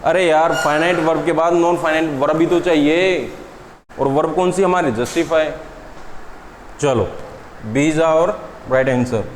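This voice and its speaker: A man teaches an exam-prep class. His voice sits high, and he answers his own rhetorical questions. The classroom recording echoes with a long tail, and a faint hiss sits underneath. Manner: asks students questions and answers them himself; stresses English words slowly and deliberately. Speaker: English teacher. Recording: echoey room with long reverb and faint noise.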